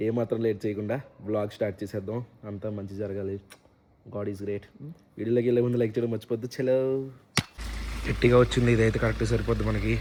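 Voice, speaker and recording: A man's voice: on the low side, flat delivery, fast talker. A young man vlogging his trip, chatting casually and teasing his friends, filmed on a handheld phone. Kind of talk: casual travel vlog chat. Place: outdoors and in transit, airport and streets. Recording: noisy street and traffic sound.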